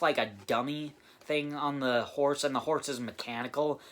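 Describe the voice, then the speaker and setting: Guy doing a slow stop-start movie review, bright voice, lots of ums. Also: medium pitch. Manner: halting, many fillers and restarts. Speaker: film reviewer.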